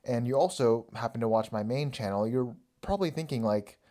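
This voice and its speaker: A man's voice: mid-range voice, a little fast, mellow. Chatty young man hosting a podcast. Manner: chatty, rambling, self-mocking. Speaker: podcast host. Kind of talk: casual solo podcast chat.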